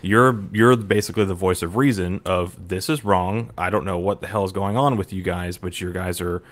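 Deep-voiced man recounting movie scenes. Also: normal speed. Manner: retells scenes with acted-out inner thoughts; many fillers, "right?" tags. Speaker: podcast co-host. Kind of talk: casual movie review chat.

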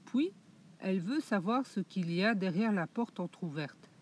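A woman narrating a children's audiobook in a slow, clear and expressive way. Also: mid-range voice, background noise. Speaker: storyteller.

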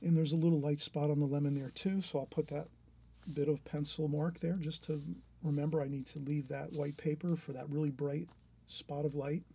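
A man's voice: on the high side, flat delivery, moderate pace, gravelly, warm tone, breathy edge. A middle-aged man teaching a painting lesson, talking aloud as he draws, encouraging and rambling. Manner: encouraging, rambling, many restarts. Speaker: art teacher. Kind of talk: painting tutorial, thinking aloud while drawing.

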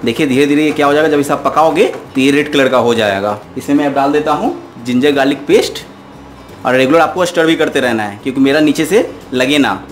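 Man calmly explaining a home recipe. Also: fairly high pitch, a little fast, slight background noise. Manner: patient, instructive, addresses viewers directly. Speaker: cooking show host. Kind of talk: step-by-step recipe narration. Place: home kitchen at the stove.

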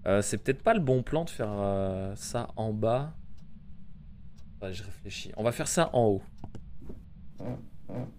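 A man in his thirties doing casual live horror-game commentary as a streamer, excitable and jumpy, swearing freely. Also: a little slow, pauses often, a little hiss or hum. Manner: excitable, jumpy, swearing, bursting into high shouts. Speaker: video game livestreamer. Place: indoors at a home streaming setup.

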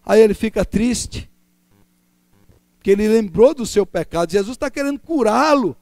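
High-voiced preacher. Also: male voice, lively intonation, normal speed, no echo, studio quality. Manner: impassioned, swinging between raised exclamations and hushed low passages; repetitive rhetorical lists. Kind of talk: sermon.

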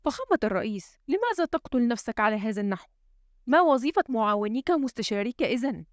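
Lady putting on a nervy loyal usher guy, pitched up, polite and worried. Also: big pitch swings, fast talker, dry recording, clean studio sound. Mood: sympathetic. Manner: worried and deferential, lifts to a higher voice. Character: loyal, anxious male chief palace usher.

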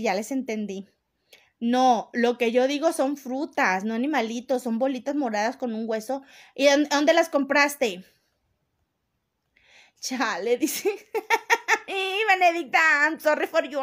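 High-voiced Mexican woman chatting on a live stream. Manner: chatty, laughs often, teasing. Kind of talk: casual live chat reading viewer comments.

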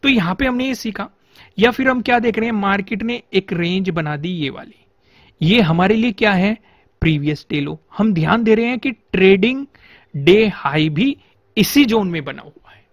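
High-voiced man teaching chart trading. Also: lively intonation, normal speed, no echo, muffled recording. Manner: explanatory, rhetorical questions to the viewer. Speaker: stock market trading teacher. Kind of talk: chart analysis lesson.

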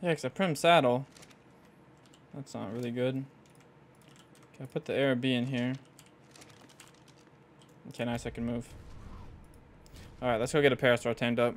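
A man's voice: mid-range voice, a little hiss or hum. A young man giving casual gameplay commentary in slangy, sweary frat-bro talk. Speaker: gaming video host.

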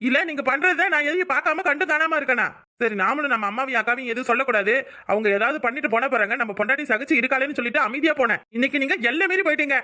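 A woman's voice: high voice, very fast, pushed and bright. A woman voicing an exasperated young married son in a Tamil cartoon, with a southern Tamil accent, speaking bluntly and confronting his mother. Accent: southern Tamil Nadu. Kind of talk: cartoon voice acting.

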